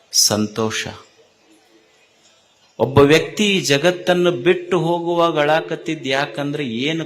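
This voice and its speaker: A man giving a sermon at a gathering, slow and repetitive, rising to emphatic calls. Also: medium pitch, a bit bright. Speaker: spiritual speaker.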